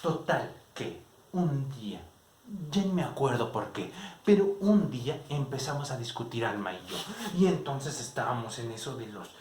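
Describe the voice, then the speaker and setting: A man telling a children's story in a slow, playful, expressive way. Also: medium pitch, echoey room, slight background noise.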